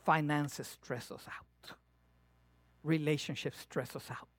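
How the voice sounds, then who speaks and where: Speaking slowly and fairly high in pitch, a male pastor with a Latin American Spanish accent delivers a sermon. His style is playful and animated, shifting between loud emphasis and hushed asides, and the recording is dry.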